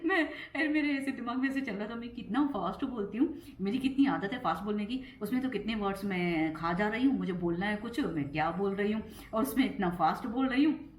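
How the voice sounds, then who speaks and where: A middle-aged woman chatting in a casual home vlog; she talks fast, trips over her words and laughs often. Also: medium pitch, animated, roomy sound, slight background noise. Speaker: vlogger.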